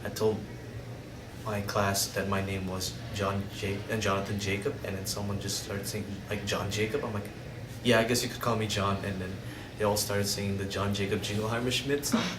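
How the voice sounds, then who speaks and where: Picked up by a distant mic in a roomy space with ambient noise, a young man from Indonesia recounts his life story for an interview. His voice is lowish and steady at a normal speed, yet he hesitates, restarting sentences while hunting for words.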